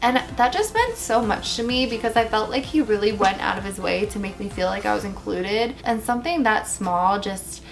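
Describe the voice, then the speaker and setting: Young woman, creaky mid-pitched voice, casual vlog chat, emphatic and gushing, faint music behind. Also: animated, moderate pace, few pauses. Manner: casual swearing and slang. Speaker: YouTuber answering viewer questions.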